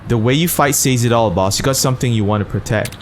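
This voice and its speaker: A man's voice: medium pitch, fast talker, a little hiss or hum, natural voice. A man voicing a solemn, respectful sumo wrestler as he reads video game dialogue aloud.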